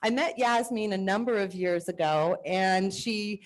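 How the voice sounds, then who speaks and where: Lively woman hosting a panel. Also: mid-range voice, unhurried, rough recording. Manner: lively, self-deprecating. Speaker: panel host. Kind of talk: panel moderation. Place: event space with audience.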